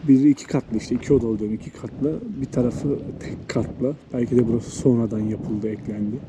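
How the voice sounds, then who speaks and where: A Turkish travel vlogger walks around an old town outdoors, chatting to camera in an informal, enthusiastic, conversational way. His mid-range voice is fairly even in intonation and a little fast, with clear street ambience in the background.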